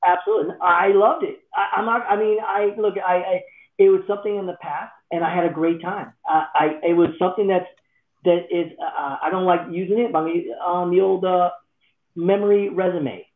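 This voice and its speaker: Halting high-voiced man on a call. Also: steady tone. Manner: halting, many restarts. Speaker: guest. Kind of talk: casual interview answer. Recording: tinny echoey call audio.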